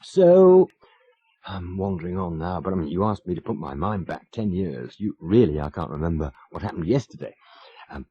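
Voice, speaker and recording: Telling self-mocking, wry anecdotes on the radio, a man in his fifties keeps chuckling as he goes. His deep, slightly rough voice is very animated and moderately paced. The dry recording sounds like a muffled old broadcast.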